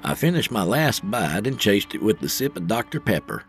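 A man's voice: fairly low pitch, moderate pace, faint music behind. A man narrating an audio drama in the first person, wry and colloquial. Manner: wry, colloquial storytelling with animated swings.

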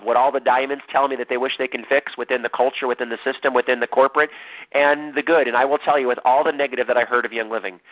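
A male coach pushes his point with urgent conviction, repeating phrases to drive it home. His voice sits at an ordinary pitch. The sound is slightly dull, like audio from an online call. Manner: emphatic, repetitive, urgent. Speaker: network marketing coach. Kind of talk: motivational webinar talk.

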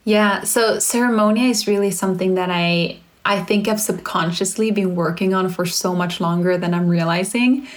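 A woman's voice: mid-range voice, fairly even intonation, normal speed, hardly any pauses. Chatty Swedish-raised woman founder. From Sweden. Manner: chatty, frequent "like" fillers. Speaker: brand founder. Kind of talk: casual interview conversation.

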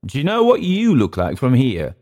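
Here the reader lifts his voice high above his usual low narration to play a bitter, dissipated Englishman. The tone is darkish, the pitch swoops wildly, and the pace is normal, with a volatile, mocking bite.

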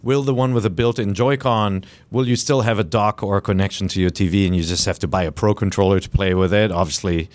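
A man's voice: fairly low pitch, steady tone, quick pace, few pauses, a little mellow, no room sound. A man hosting a casual podcast panel, leading the talk and often restarting his words. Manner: talkative, leads the discussion, restarts words. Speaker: podcast host.

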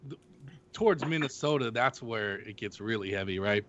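A man's voice: lowish voice, animated, normal speed. Chatty podcast co-host guy, kinda muffled lo-fi audio. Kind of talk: casual podcast chat. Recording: slightly dull lo-fi audio.

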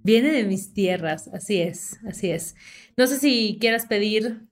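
A woman's voice: medium pitch, lively intonation, measured pace. A woman from Yucatán with a Yucatecan Mexican accent, co-hosting a podcast in a playful, slangy chat full of laughter. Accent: Yucatecan Mexican Spanish. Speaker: podcast co-host. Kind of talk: casual chat.

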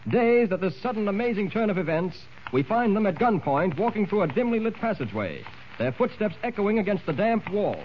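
A man's voice: high-pitched, sing-song, a little fast. Man, old radio show narrator, dramatic storytelling, dull lo-fi sound, faint hiss. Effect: old-time radio broadcast sound. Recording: muffled old 1940s radio recording with hiss.

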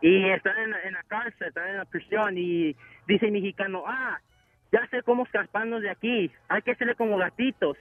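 A man telling a joke on a radio show in a slow, halting way. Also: high voice, narrow, tinny audio, faint music behind.

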